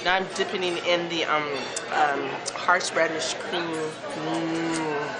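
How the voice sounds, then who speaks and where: A woman's voice: sits low, little pitch movement, slow. Chatty woman vlogging at a packed brunch. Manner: chatty and playful, laughing as she eats. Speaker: lifestyle show host. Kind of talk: casual food vlog, self-filmed. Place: busy hotel brunch restaurant, indoors. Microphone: handheld camera filming herself. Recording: loud crowd chatter in a busy restaurant. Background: crowd of diners.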